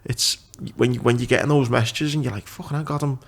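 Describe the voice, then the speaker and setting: A man's voice: medium pitch, fast talker, vocal fry. A man in his thirties with a Liverpool accent, chatting casually and swearing freely as a podcast host. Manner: sweary, informal. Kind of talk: casual chat. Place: small office studio, indoors. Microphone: desk microphone.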